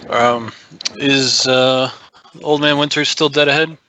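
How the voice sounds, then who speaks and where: Very bright, slow-talking male player. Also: medium pitch, steady tone, slight background noise. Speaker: tabletop game player. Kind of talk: casual game chat. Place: online group call.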